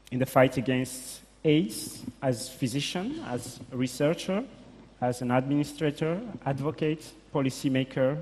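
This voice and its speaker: A man introduces a guest at a conference podium. He speaks in a halting way, with fillers and self-corrections. His voice rings out with a long reverb from a large hall. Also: medium pitch, darkish tone. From Morocco. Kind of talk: formal introduction speech.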